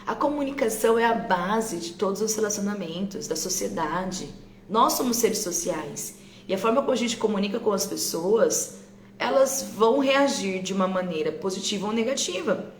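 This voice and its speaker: A woman's voice: mid-range voice, lively intonation, normal speed, a little hiss or hum. Woman, Brazilian Portuguese accent, parenting teacher, live-stream talk, chatty check-in questions, echoey room. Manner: conversational, keeps checking in with tag questions. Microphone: phone on a live stream. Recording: roomy echo with faint ambience.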